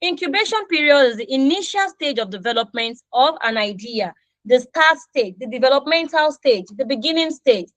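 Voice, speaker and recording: An animated Nigerian woman in her thirties, native in Yoruba, teaches English online and playfully acts out dialogues with her students. Her voice is high-pitched and her pace moderate, with no echo on the recording.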